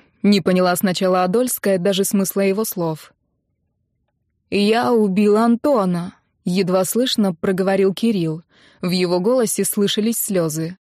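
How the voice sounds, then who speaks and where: A woman's voice: on the low side, a little mellow, no echo, clean studio sound. Woman narrating an audiobook. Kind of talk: scripted narration.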